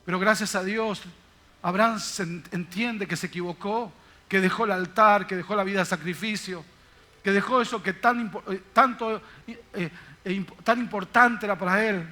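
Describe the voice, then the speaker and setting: A man's voice: high-pitched, normal speed, bright, forceful tone. An older man, a pastor, preaching a sermon to his congregation in an emphatic, repetitive way. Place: church service.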